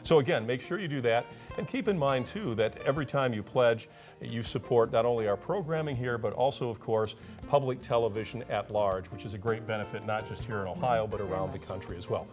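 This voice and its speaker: A man's voice: medium pitch, a little fast, a little mellow, faint music behind. A man hosting a public television pledge break, genial and self-deprecating. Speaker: pledge drive host. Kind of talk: fundraising talk. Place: TV studio kitchen set.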